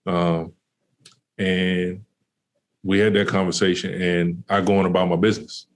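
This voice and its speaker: A man's voice: low voice, a little slow. A man, a basketball coach, telling a story in a casual podcast interview, with lots of fillers and restarts. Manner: animated when retelling conversations. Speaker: college basketball associate head coach.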